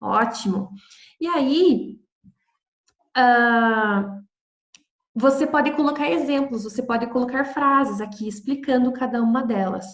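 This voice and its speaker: Woman, Brazilian Portuguese accent, primary school teacher, patient and affectionate, higher voice, echoey room. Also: slow pace, long pauses. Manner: gentle, patient, affectionate, explaining step by step. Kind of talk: recorded video lesson for children.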